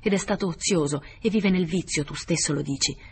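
A man's voice: on the high side, a little fast, a little mellow, lightly acted. A cold, scornful noblewoman, as a male narrator reads her in an audiobook. She speaks in cutting, contemptuous tones. A faint background hiss runs under her.

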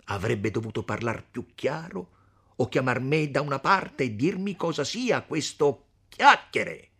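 A man's voice: mid-range voice, big pitch swings, a little slow, a bit bright, slightly rough, full character voice. A man voicing an anxious older mother in a storybook reading, fretting and scolding in a raised voice.

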